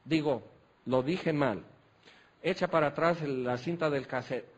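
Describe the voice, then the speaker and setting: A man's voice: a little high, measured pace. A man preaching a sermon, folksy and self-deprecating, hammering home points with repeated questions. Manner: rhetorical, repetitive questioning.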